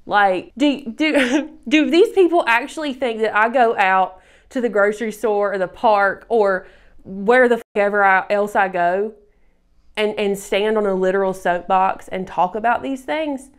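A woman's voice: medium pitch, unhurried, smooth. A woman vlogger reading and answering hate comments in a casual rant, sarcastic, swearing freely and laughing often. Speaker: childfree YouTuber.

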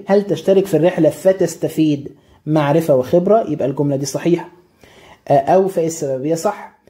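An Egyptian Arabic-accented man teaches grammar at a brisk clip. His voice is dark and mellow. He fires questions at the class, answers them himself, and keeps repeating the key terms. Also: fairly high pitch. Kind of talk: exam drill lesson.

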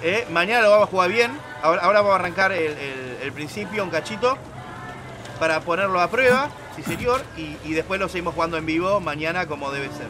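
A man's voice: sits high, fast talker. A man with a Rioplatense Argentine accent giving slangy, joking, casual livestream commentary on a video game. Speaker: game streamer. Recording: noisy game audio behind voice. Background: video game sound.

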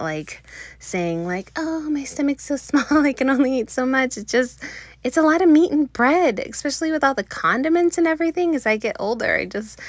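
A woman's voice: medium pitch, no echo. Chatty woman baking in her home kitchen. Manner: chatty, rambling, with fillers and little laughs. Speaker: home cooking vlogger. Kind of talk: casual chatty baking tutorial.

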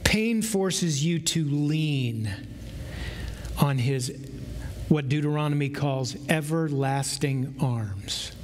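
A middle-aged man preaching a sermon from a church stage, slow and emphatic with drawn-out pauses. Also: fairly high pitch. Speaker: pastor. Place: large church sanctuary with stage. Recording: long hall reverb, faint room noise.

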